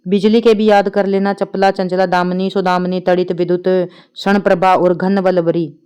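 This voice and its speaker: A young adult woman teaching an online exam-prep grammar class, chatty, listing words in quick runs and checking in with her students often. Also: on the low side, level tone, darkish tone, clear, resonant tone. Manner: chatty, repeats "ठीक है" often. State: tired.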